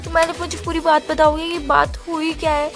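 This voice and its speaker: Woman on the call, very high pitch, calm and bewildered, music bed behind. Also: fairly quick. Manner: soothing, bewildered. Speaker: girlfriend on the call. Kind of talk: phone-call conversation. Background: background music.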